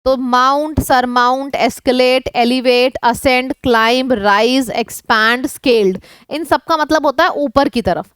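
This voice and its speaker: High-voiced Indian woman teaching vocabulary. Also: unhurried, smooth, no room sound, studio quality. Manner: lively, asks the class questions and repeats synonyms in lists; switches between Hindi and English. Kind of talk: online class explaining English words in Hindi.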